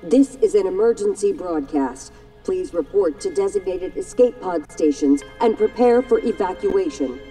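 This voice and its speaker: A woman voicing a game's emergency announcer, speaking formally over a ship's loudspeaker tannoy. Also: on the low side, moderate pace, soft background music. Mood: calm. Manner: calm, formal public-address delivery. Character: calm female station announcer voice. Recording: distant game loudspeaker audio.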